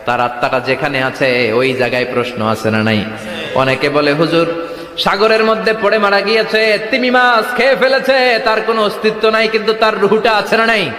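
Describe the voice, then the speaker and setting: A man's voice: normal speed, sharp tone. Impassioned male preacher in an echoing hall. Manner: impassioned preaching with sudden pitch jumps and chanted lines. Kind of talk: Islamic sermon. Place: large hall with crowd. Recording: echoey, reverberant hall sound.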